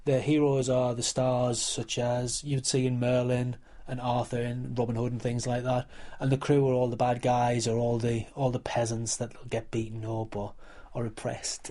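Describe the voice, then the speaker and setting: A man's voice: mid-range voice, flat delivery, moderate pace, few pauses, warm tone. A man who works as a game organiser, explaining earnestly in a documentary interview. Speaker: live role-play coordinator and referee.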